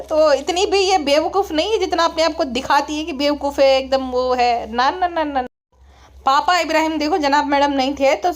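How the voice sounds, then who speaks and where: A woman hosting a casual gossip podcast, chatty and mocking as she comments on a family. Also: high voice. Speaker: podcast host.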